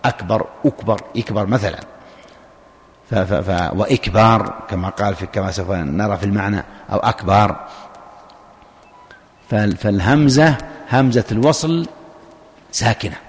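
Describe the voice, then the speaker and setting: A man's voice: fairly low pitch, normal speed. A man teaching a religious lesson, explaining a text step by step, repeating key points and asking and answering his own questions. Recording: long hall reverb.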